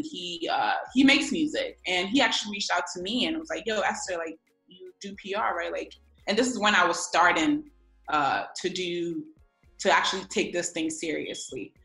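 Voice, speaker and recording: A young woman from Ghana, a music publicist, chatting casually in an interview with lots of fillers. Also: lowish voice. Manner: relaxed, many fillers. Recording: echoey room with faint music.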